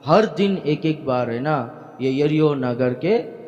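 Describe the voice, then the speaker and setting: A man's voice: fairly high pitch, animated, slow pace, darkish tone, dull audio. A male pastor preaching a sermon to his congregation, with emphatic delivery, frequent hallelujahs and questions thrown to the listeners. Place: church hall. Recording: long hall reverb.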